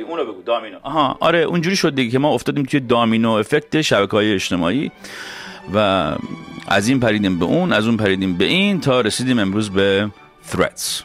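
A male host telling stories in a playful, animated casual chat. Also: medium pitch.

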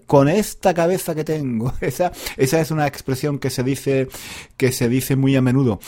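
Animated playful male teacher. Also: on the high side. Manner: repetitive, playful, self-deprecating. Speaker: podcast host and Spanish teacher. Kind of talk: teaching Spanish podcast.

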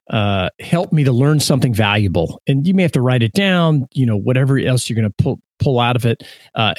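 A man's voice: medium pitch, a little mellow, dry recording. A man co-hosting a podcast in a casual conversational way, often restarting and repeating words. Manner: halting, repeats words mid-sentence. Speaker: podcast co-host.

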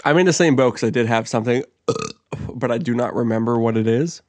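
A man's voice: brisk, darkish tone, no room sound. A young man co-hosting a casual podcast, a little tipsy, talking loosely between bursts of screamed improvised rapping. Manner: bursts into high incoherent screaming raps. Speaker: podcast co-host.

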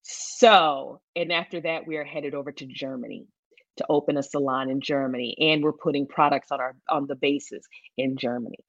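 A woman's voice: rumbling low, fairly even intonation, moderate pace, dry recording, dull audio. A middle-aged woman from Michigan, a salon founder giving advice in an interview, emphatic and repeating key phrases for stress. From Michigan, USA. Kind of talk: conversational interview.

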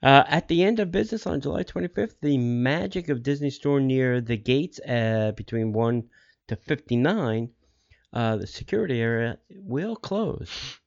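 A man hosting a podcast, making casual announcements in a halting way and repeating details for listeners. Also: mid-range voice, lively intonation, gravelly, muffled recording. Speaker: podcast host.

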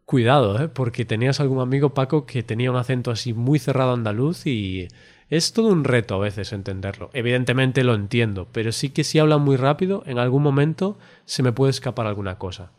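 A man's voice: medium pitch, lively intonation, a little fast, a little mellow. A man hosting a casual podcast chat. He explains at length and keeps tagging his points with a questioning "¿no?". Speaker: podcast host.

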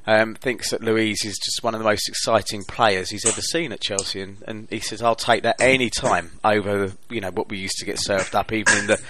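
A man talking football on a remote call whose connection keeps breaking up, his voice dropping out and his words halting. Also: on the low side, fairly even intonation, bright, forceful tone, a little hiss or hum. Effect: breaking-up internet call, voice dropping out. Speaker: podcast panelist on a remote line. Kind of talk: casual football chat.

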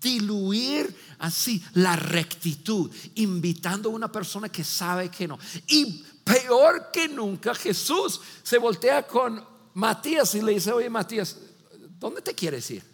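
A male pastor preaching a sermon, telling a story with lively acted-out voices and frequent restarts. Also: high voice, slow pace, big-room sound. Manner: animated storytelling, acts out voices, many restarts.

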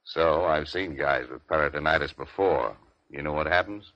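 A man's voice: rumbling low, normal speed. An actor playing a sardonic, needling 1930s beat cop, a hard-boiled city policeman in a vintage radio crime drama. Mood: needling, menacing. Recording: dull vintage radio recording.

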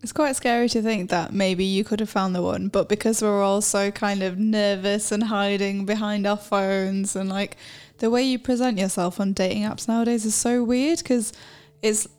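A woman's voice: medium pitch, fairly even intonation, moderate pace, few pauses, darkish tone, clean tone, soft background music. A woman in her mid twenties co-hosting a podcast, chatting casually and often saying "like". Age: 20s. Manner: chatty, uses "like" a lot. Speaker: podcast co-host. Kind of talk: casual chat.

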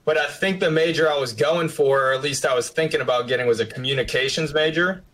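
A man's voice: fairly high pitch, fast talker, a bit bright, poor audio. A 21-year-old man from western Pennsylvania, answering interview questions in a plain, matter-of-fact way. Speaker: guest.

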